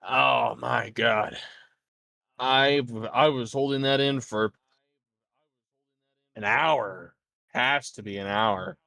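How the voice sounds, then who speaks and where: A man's voice: mid-range voice, slow, vocal fry, long pauses, sharp tone, exaggerated voice. A man voicing a crude male raider who drawls and rambles. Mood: relieved.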